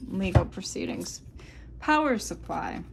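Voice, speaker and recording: Slow-talking exasperated woman reading tarot. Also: on the low side, animated, creaky, slight background noise. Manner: exasperated, swearing, muttering asides. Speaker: tarot reader. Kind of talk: channeled tarot reading to viewers.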